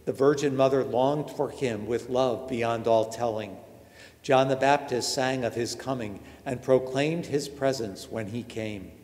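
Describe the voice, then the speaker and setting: A man, a priest, reciting the prayers of Mass in a measured, solemn way, his voice ringing with a cathedral echo. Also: medium pitch, darkish tone. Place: large church. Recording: long cathedral reverb.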